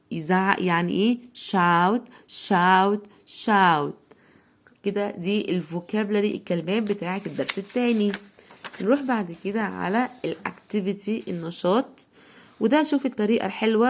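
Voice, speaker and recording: A woman with an Egyptian Arabic accent teaching a children's English lesson, repeating each word slowly. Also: mid-range voice. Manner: slow, drawn-out repetition of words for children.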